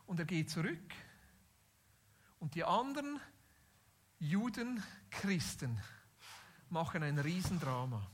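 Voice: mid-range voice, husky. A preacher retelling a Bible story in casual everyday speech, with modern asides.

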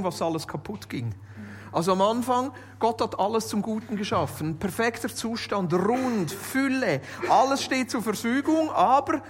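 A woman preaching a sermon in a conversational tone, with light jokes and points built by repeating and restating phrases. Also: fairly high pitch. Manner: builds points by listing and restating.

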